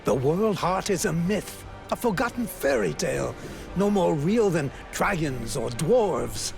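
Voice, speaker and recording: Creaky, high-pitched stern scribe. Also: male voice, lively intonation, unhurried. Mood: dismissive. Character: stern scribe warning against a demon. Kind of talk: video game voice acting. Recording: game audio with music.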